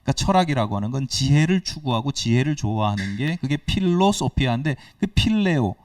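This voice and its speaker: A man's voice: mid-range voice, sing-song, a little fast, a little mellow, no room sound, recorded from a distance. A male pastor preaching a sermon, explaining with questions to the congregation and acting out quoted dialogue. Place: church sanctuary. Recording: dry sound, speaker away from the mic.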